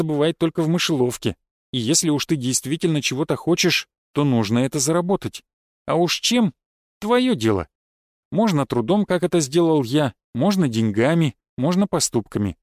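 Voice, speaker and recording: A man's voice: fairly high pitch, darkish tone, dry recording, clean studio sound. Man narrating a fantasy audiobook.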